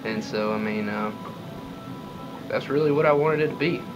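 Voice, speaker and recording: A young man in his twenties, a college pitcher, answering postgame questions in a relaxed, modest way with lots of fillers. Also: normal speed, dull audio, music in the background. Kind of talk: postgame press conference. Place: press room before a sponsor backdrop.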